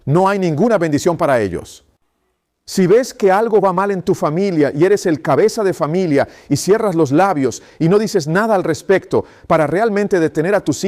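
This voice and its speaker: A male preacher delivers a sermon in a voice pitched a little high. He talks with insistent emphasis. He keeps putting rhetorical questions to his congregation. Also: a little mellow.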